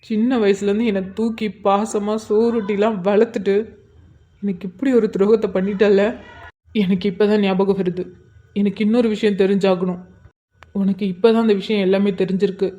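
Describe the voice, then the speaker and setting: A woman's voice: medium pitch, little pitch movement, normal speed, warm tone, lightly acted. A woman voicing a grieving, hurt young husband in an emotional cartoon drama. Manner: emotional, tearful. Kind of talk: cartoon voice acting.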